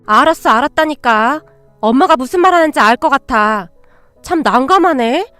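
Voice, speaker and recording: A woman voicing an adult daughter who gently tries to calm her mother. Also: sits high, normal speed, dry recording, faint music behind. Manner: placating, gentle. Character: adult daughter, soothing and reasonable.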